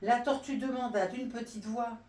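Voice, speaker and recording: A woman's voice: on the high side, fairly even intonation, moderate pace, a little mellow, recorded from a distance. A woman reading a children's picture-card story aloud, giving each animal its own voice. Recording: roomy echo, voice off-mic.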